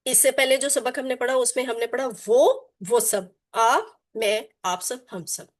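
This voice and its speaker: A woman's voice: fairly high pitch, unhurried. A woman teaching a Quran Arabic class, drilling her students with repetition and call-and-response and mixing in English terms. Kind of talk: online class lesson.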